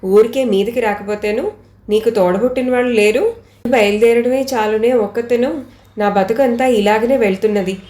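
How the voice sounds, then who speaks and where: A woman's voice: fairly high pitch, a little mellow, close to an everyday voice. Woman reading a cranky middle-aged widow, scolding n self-pitying, echoey room. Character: grumbling middle-aged Brahmin widow, complaining.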